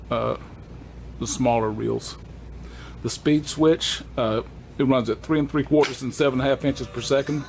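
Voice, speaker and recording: A man presents an unscripted, hands-on equipment walkthrough, plainspoken and halting, correcting himself as he goes. His voice is medium-pitched with a darkish tone.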